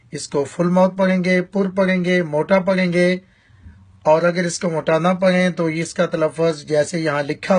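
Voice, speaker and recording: A man teaching a recitation lesson, chanting verses slowly and drawn out, then explaining pronunciation briskly. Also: fairly high pitch. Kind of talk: tajweed lesson with slow recitation.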